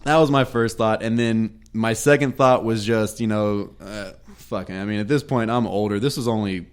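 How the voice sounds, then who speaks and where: A man's voice: fairly low pitch, steady tone, normal speed, clean tone. A man co-hosting a podcast, telling a crude story in a casual, profane way, laughing often and acting out quoted dialogue. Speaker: podcast co-host.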